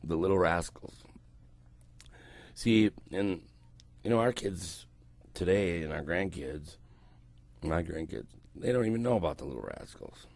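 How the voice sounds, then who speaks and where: In a small studio, an older man hosts morning radio through an ear-worn headset mic, his voice croaky and hoarse while he recovers from a cold. He's low-voiced with a darkish tone and lively intonation, keeping a measured pace with long pauses as he rambles loosely and swears freely in casual chat.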